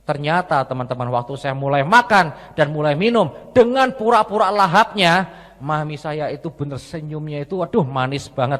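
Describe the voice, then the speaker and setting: Lively storytelling preacher man. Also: on the high side. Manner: lively storytelling, tag questions. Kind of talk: sermon. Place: large church. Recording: long church hall reverb.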